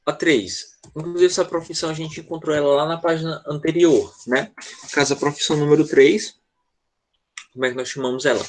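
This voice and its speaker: A man's voice: fairly high pitch, fairly even intonation, brisk. Brazilian man teaching an online class. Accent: Brazilian Portuguese. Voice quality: explains step by step, checking in with "tá?" often. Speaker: English teacher.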